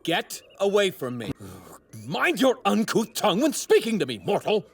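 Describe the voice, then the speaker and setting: In an English anime dub, a male actor voices a haughty young divine apprentice who holds mortals in cold contempt and speaks in formal, pompous, precise phrases. The high, sing-song voice comes at normal speed with an indignant mood and a little hiss or hum.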